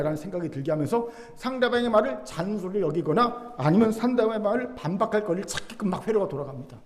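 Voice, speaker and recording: A man's voice: high voice, a little mellow, long reverb tail. A male pastor giving a Sunday sermon in a church, telling everyday stories and building to fervent exhortation. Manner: storytelling with everyday examples, rising to fervent exhortation. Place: church sanctuary.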